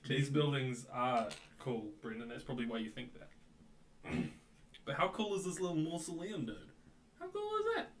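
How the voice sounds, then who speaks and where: A man's voice: mid-range voice, very animated, normal speed, roomy sound, a little hiss or hum. A man, co-hosting a livestream with teasing, jokey banter. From New Zealand. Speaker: livestream co-host. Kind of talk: casual banter.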